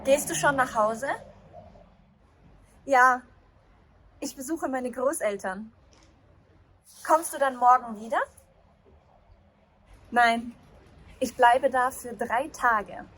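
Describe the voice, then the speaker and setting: A woman reads short scripted dialogue lines in a high voice, clearly and without hurry. Faint background noise sits under her speech. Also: takes it slowly, long pauses, fairly bright tone, low-quality recording.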